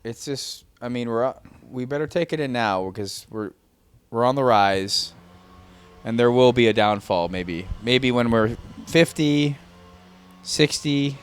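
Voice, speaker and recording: A man co-hosting a casual podcast, playful and quick to laugh, often repeating the other host's words. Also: mid-range voice, clear, resonant tone, soft background music. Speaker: podcast co-host.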